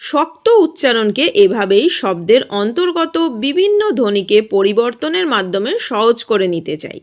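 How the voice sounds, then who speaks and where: A woman's voice, a little higher than most, leads a grammar lesson for students. She explains each point slowly and in small parts, then asks questions out loud. Her pitch rises and falls a great deal, with a lively, expressive sound. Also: muffled recording. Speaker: teacher.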